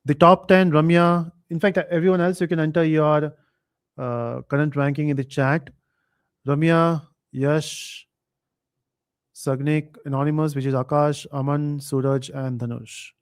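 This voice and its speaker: A man runs a live quiz stream in a relaxed, chatty way. His voice sits a bit on the higher side, and he often pauses on fillers while he reads viewers' comments aloud. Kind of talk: casual live stream chat.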